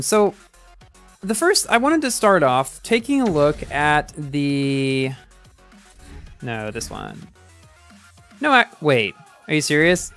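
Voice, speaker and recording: A man's voice: a little high, fairly bright tone. A man streaming a racing game live, chatting casually and reacting aloud as he plays, often restarting his sentences.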